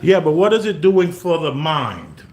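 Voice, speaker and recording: A man's voice: fairly high pitch, big pitch swings, unhurried. A man hosting a casual talk show, joking and asking blunt questions. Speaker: podcast host. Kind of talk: casual chat.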